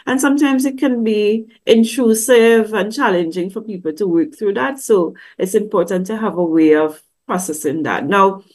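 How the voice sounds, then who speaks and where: A middle-aged woman, a grief counselor, teaches at a church service over a webcam on a video call from an indoor room, using slides. Her mid-range, darkish voice moves at normal speed with hardly any pauses. She's conversational, asks lots of questions, and acts out quoted voices.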